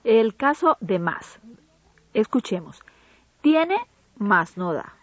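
Husky woman reading a grammar lesson. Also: mid-range voice, big pitch swings, dry recording. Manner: measured, didactic reading of examples. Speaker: co-host of a language program. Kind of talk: scripted educational radio narration. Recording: dull lo-fi broadcast audio.

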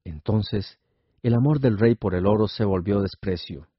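A man narrating a children's tale in a measured, expressive reading, on a dull lo-fi recording. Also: fairly low pitch, slightly rough, no echo. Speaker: storyteller. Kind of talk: scripted story narration.

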